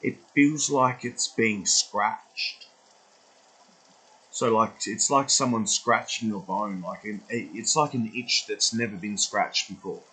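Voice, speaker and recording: A young man in his twenties talks in a meandering, unscripted vlog monologue. His voice is fairly low and husky. He swears freely and often loses the thread of what he is saying. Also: takes it slowly, sharp tone, poor audio. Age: 20s. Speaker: vlogger. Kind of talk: rambling casual vlog monologue.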